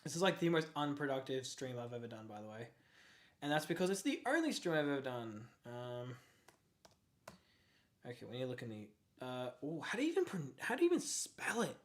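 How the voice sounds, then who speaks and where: A young adult with an Australian accent chats casually on a livestream about card collecting. Speaking briskly in a mid-range voice, they ramble excitably, laugh a lot and keep apologizing.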